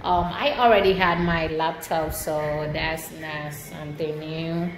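A woman with a low voice vlogs her small, mostly empty apartment, filming indoors on a handheld phone while off camera; she is a service member. The low-quality recording picks up crowd noise as she talks slowly and casually, laughing often between lines.

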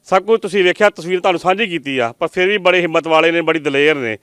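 A man from Punjab reporting on the scene at a flood-damaged home, talking quickly with an emotional, consoling tone. His voice is a little high, smooth and clear, recorded dry and close. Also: fairly bright tone, no room sound. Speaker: field reporter.

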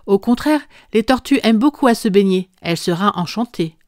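A woman's voice: medium pitch, expressive, a little fast, darkish tone, no room sound, studio quality, close to an everyday voice. A woman reading an audiobook voices an impulsive, stubborn little girl who speaks eagerly and insistently.

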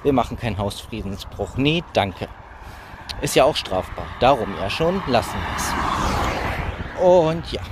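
A man in his thirties with a mid-range voice walks along a village roadside, talking in a casual, rambling way for a phone vlog. He's very animated yet unhurried, pausing often, and the phone is held at arm's length, so the outdoor recording is noisy.

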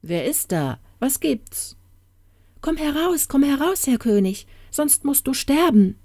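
A terrified young cottager wife, as a woman storyteller puts her on, cries out in a high, strained voice. She pleads breathlessly and loudly in this storybook reading. The sound is close and dry. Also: sing-song, normal speed, no echo. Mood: panicked.

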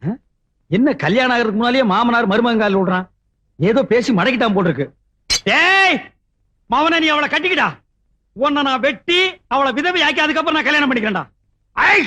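An actor playing a hot-tempered, sarcastic groom who scolds and hurls quick insults in a film comedy scene. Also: male voice, very high voice, lively intonation, pushed and bright, highs cut off, full character voice. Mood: jealous scolding.

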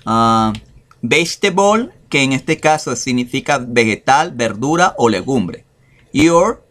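Slow-talking male teacher. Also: a little high, a bit bright. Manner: slow, repeats phrases and adds "verdad". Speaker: English teacher. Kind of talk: casual video lesson.

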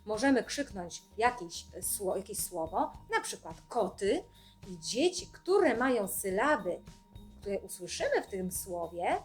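A young adult woman speech therapist calmly explaining classroom games in an instructional video, speaking clearly with short pauses. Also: medium pitch, faint music behind.

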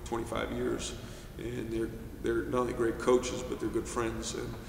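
A middle-aged man from New York, a basketball head coach answering postgame questions at a press table in a measured way, with many fillers and restarts. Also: medium pitch, completely flat delivery, vocal fry, a little mellow. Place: press room, seated at table. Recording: echoey room, distant mic, faint hiss.

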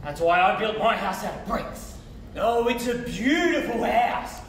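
A man's voice: sits high, expressive, a little slow, a bit bright, heavy reverb, recorded from a distance, a little hiss or hum, exaggerated voice, poor audio. An actor playing a jumpy, paranoid male pig hiding in his brick house, talking in sing-song rhymes on stage. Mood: jittery. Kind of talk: stage play performance.

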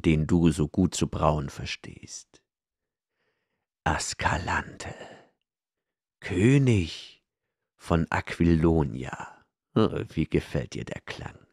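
Guy voicing a cold bossy outlaw lord, deep and slow, audiobook. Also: creaky, a little mellow, slightly rough, no echo, studio quality, heavily acted. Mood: scheming. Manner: cold, domineering, threatening. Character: scheming arrogant male outlaw noble, commanding. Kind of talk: audiobook character reading.

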